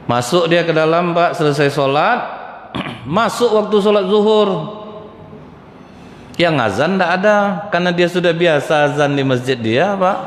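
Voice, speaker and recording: A male preacher, giving a lively sermon full of stories and constantly addressing the audience as sir and madam. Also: medium pitch, slight background noise. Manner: addresses audience as Pak and Bu constantly, acts out quoted voices, jokes. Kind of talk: lively mosque sermon with storytelling. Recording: echoey hall with faint ambience.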